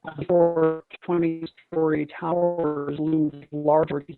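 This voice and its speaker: A man reading a prepared public comment over a remote call whose audio keeps speeding up and slowing down. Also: on the high side, level tone. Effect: glitchy call audio, speeding up and slowing down. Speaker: public commenter at a city hearing. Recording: tinny remote call line with faint music.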